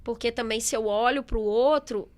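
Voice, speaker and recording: A middle-aged businesswoman in a relaxed interview, talking candidly with many fillers and quoted asides. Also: on the high side, moderate pace. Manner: chatty, candid, lots of fillers and quoted speech. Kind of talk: casual interview talk.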